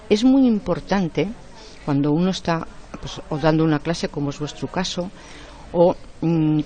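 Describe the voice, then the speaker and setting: A woman giving an online lecture in a strong, forceful voice. She explains step by step and keeps adding quick tag questions. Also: low voice.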